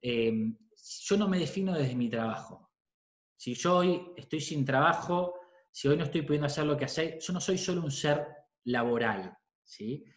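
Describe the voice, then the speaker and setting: A man's voice: fairly high pitch, animated, normal speed, echoey room. A middle-aged man with a Rioplatense Spanish accent, a psychologist giving parents an informal talk, often checking in with a questioning "¿sí?". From Argentina. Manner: conversational, often adds a questioning "¿sí?".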